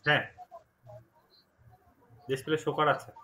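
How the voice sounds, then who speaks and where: Bright-voiced man teaching a language class. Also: fairly high pitch, little pitch movement. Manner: explains slowly, repeats words for learners. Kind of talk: online class lesson.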